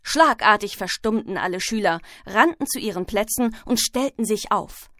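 A woman reading a children's storybook aloud, clear and even. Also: medium pitch, moderate pace, no echo, studio quality. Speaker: narrator.

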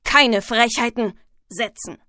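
A woman voicing a strict, sharp-tongued male schoolteacher in a read-aloud storybook. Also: a little high, normal speed, no room sound, studio quality, close to an everyday voice. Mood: stern. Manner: sharp, commanding, loud.

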